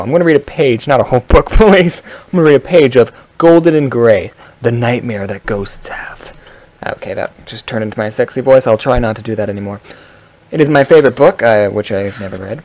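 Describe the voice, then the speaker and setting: A man's voice: mid-range voice, a little mellow. A man reading a story aloud on a cheap microphone without a pop filter in an untreated echoey room, stumbling over words and breaking off for playful asides. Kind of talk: reading a story aloud in an old test recording.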